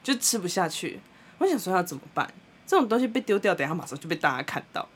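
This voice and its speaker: A young Taiwanese woman with a Taiwanese Mandarin accent, co-hosting a podcast and telling a story in a blunt, animated way, laughing often. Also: fairly low pitch, fast talker, husky. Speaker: podcast co-host. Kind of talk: casual storytelling chat.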